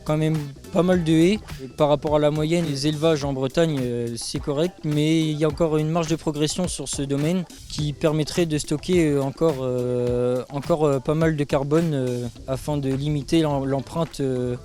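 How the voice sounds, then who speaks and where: A young man talking about his studies in a casual testimonial, pausing often between phrases. His voice sits slightly high and sounds mellow and relaxed, and faint music plays behind him. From France. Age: young adult. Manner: hesitant, many fillers. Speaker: agriculture student.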